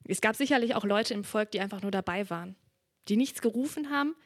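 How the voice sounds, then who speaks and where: A woman's voice: mid-range voice, fast, no room sound, studio quality. A woman preaching a sermon in a reflective, earnest way, reading from the Bible. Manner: earnest, reflective, drops to a whisper at moments.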